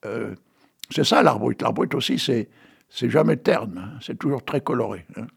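An older man with a husky voice, rambling chattily to his viewers and reading out an absurd tale he wrote, tagging his phrases with "hein". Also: medium pitch, normal speed. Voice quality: gravelly, husky voice. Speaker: amateur writer reading his own text. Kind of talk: rambling monologue with a read-aloud absurd tale.

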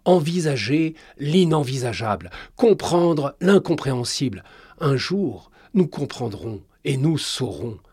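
A man reading aloud plays a thoughtful professor who speaks earnestly and steadily. The voice is husky and dry, with a lively melody. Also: mid-range voice, slow, dry recording, pitched above the performer's own voice, heavily acted. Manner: reasoned, earnest. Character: thoughtful male professor, calm and reasoned.

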